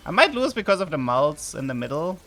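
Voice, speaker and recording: A streamer from southern Germany, speaking with a German accent, chats with viewers and reacts to his game with sudden excited outbursts. His voice is a little high and his pace brisk, with soft music in the background.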